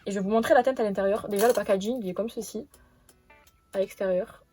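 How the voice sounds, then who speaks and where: A young woman talks her audience through a beauty haul in a loose, chatty way. She hesitates often, filling gaps and restarting her sentences, her voice sitting at an ordinary middle pitch. Faint music plays under her. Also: fast, a little mellow. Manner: rambling, many fillers and restarts. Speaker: beauty vlogger. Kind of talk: casual product haul.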